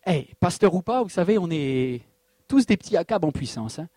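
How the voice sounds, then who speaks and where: Preaching as a pastor, this man weaves personal anecdotes together with rhetorical questions, acted-out quotes, and sudden bursts of emphasis. His voice is a little high, his pace is normal, and there's no room sound in the recording.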